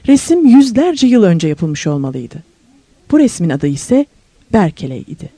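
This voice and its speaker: A woman reads a novel aloud in an expressive storytelling voice, her pitch rising and falling a great deal. Her tone is mellow and dark rather than bright, and the sound is dry and close, with almost no room around it. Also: no room sound. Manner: expressive storytelling, slows and rises for wonder and questions. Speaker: audiobook narrator. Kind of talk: scripted novel narration.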